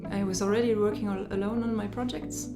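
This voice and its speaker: A woman from Germany who develops games alone answers interview questions in a hesitant, flat monotone. Her voice echoes in a roomy space. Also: mid-range voice, fast talker, over loud music. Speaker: solo game developer.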